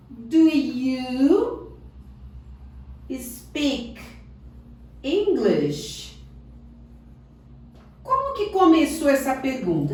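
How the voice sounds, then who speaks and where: A woman teaching basic English in an online lesson, coaxing, asking the learner questions and slowing down on example sentences. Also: high voice, very echoey, far from the mic. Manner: speaks slowly on English examples.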